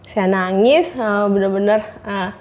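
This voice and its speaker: This is emotional personal testimony from a woman in her thirties, a guest on an interview. Her medium-pitched, darkish voice moves a little slowly as she falters through her hard story with lots of fillers, mimicking the words her doctors said.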